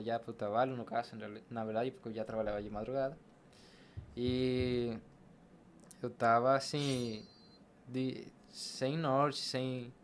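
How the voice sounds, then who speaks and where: A young adult man with a Brazilian Portuguese accent guests on a podcast, casually telling personal stories in an interview and acting out what people said. His voice is mid-range, with a little hiss or hum in the audio.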